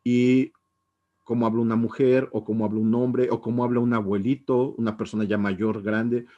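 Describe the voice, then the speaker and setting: A man's voice: medium pitch, flat delivery, normal speed, mellow, muffled recording. A man teaching an introductory linguistics class, speaking hesitantly with many restarts and tag questions. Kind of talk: informal recorded lecture.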